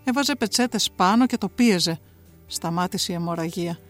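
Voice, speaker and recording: A woman giving a measured, dramatic literary reading on the radio. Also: on the low side. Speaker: reader. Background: soft music.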